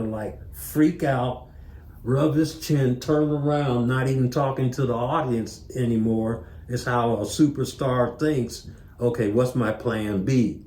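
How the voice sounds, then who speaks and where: Here a former tour manager, now an older interview guest, swaps stories casually in a medium-pitched, slightly mellow voice. As he narrates, he performs the dialogue he remembers, and the interview sounds roomy and echoing.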